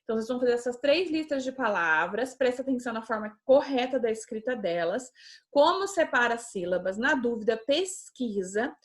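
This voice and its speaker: Brazilian woman, young adult, schoolteacher, patient, drawn-out words, fairly high voice. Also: animated. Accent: Brazilian Portuguese. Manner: patient, slow and drawn out on example words, checks in with "tá?". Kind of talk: remote class lesson for children.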